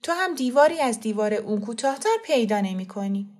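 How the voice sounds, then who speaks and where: A woman voicing a sharp-tongued defensive mother. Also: fairly high pitch, expressive. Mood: defiant. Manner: heated, quick to defend.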